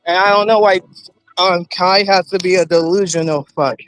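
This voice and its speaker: Young male streamer, high-pitched, casual and halting, soft music bed. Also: steady tone, clean tone. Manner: rambling, halting, many fillers.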